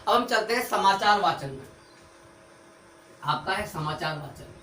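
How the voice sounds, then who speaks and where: A man's voice: sits high, animated, unhurried, pushed and bright. A man teaching an online grammar lesson, explaining step by step as he writes on a board. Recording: echoey room, far from mic, faint background hiss.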